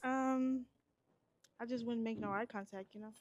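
A woman from the Bay Area, a contestant giving short, soft-spoken answers. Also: on the high side, steady tone, moderate pace, lo-fi sound.

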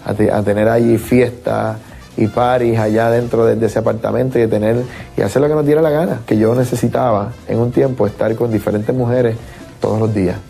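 A man's voice: mid-range voice, steady tone, a little fast, vocal fry, warm tone, soft background music. A man giving an emotional personal testimony, repeating words and acting out what he said back then. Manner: emotional, repeats words, acts out his own past quotes. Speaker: former merengue singer giving testimony.

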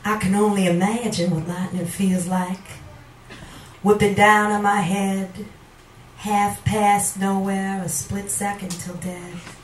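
A middle-aged woman, the featured poet, reads live into a handheld microphone in a small bar room, theatrical, slow and deliberate as she recites. Her voice is mid-range with a flat delivery. A camera in the room captures it from a distance, so the sound is roomy and noisy.

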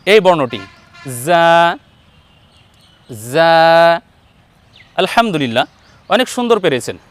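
High-voiced man teaching slow pronunciation. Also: a bit bright, no room sound. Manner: patient, repeats letters slowly for viewers to copy. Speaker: Quran teacher. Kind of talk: online letter-by-letter pronunciation lesson.

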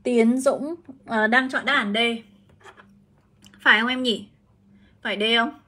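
A woman's voice: fairly high pitch, measured pace, bright, forceful tone. A woman English teacher from Vietnam, giving a chatty live-streamed exam prep lesson and explaining each answer step by step.

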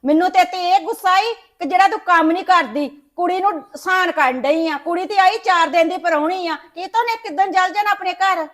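Actress as a sharp-tongued mother-in-law in a web drama, high voice, reproachful, nagging. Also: a little fast, hardly any pauses. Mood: scolding. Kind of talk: web series family drama acting.

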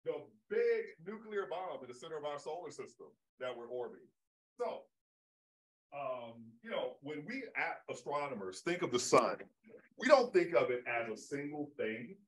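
A man's voice: a little high, very animated, normal speed. A man giving a public astronomy lecture in a conversational way, often checking in with "right?". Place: observatory lecture room. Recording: roomy hall audio from far off.

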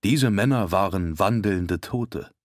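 Hörbuchfigur: kryptischer gefangener Mann, gelassen und unheilvoll, vom Erzähler gesprochen, tief. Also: male voice, low voice, takes it slowly, no echo, clean studio sound. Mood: ominous. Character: cryptic captured male prisoner, calm and ominous.

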